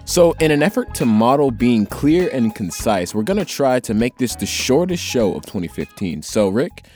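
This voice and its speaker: A man's voice: medium pitch, very animated, normal speed, a little mellow, faint music behind. A man hosting a career advice podcast, opening the show and introducing his co-host.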